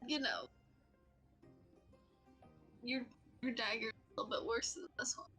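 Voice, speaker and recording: A woman in a tabletop game who is blunt and quick to exclaim. Her voice is high and bright. She is on a video call. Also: faint music behind. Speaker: player. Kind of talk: tabletop role-play.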